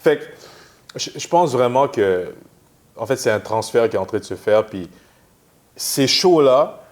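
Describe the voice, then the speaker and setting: A man's voice: medium pitch, expressive, unhurried. A man, co-hosting a podcast in opinionated, teasing casual chat with English mixed in. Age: 30s. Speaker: podcast co-host.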